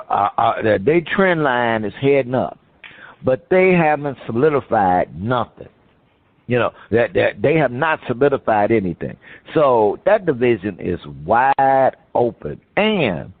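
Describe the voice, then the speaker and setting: Casting: male sports-talk co-host, folksy, stop-start, animated swings in pitch, tinny dry phone line. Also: no echo. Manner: halting, lots of "uh" fillers, folksy phrasing.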